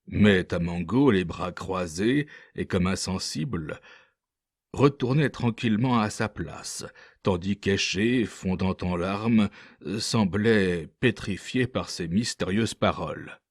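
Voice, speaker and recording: Slow, low-voiced male audiobook narrator. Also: no echo, clean studio sound. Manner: measured, dramatic reading of classic literature. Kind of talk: scripted narration.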